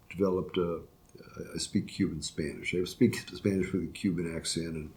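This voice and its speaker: An older man from Florida, a retiring circuit court judge, answers interview questions reflectively in a deep, darkish voice. His delivery is halting, with many restarts and fillers.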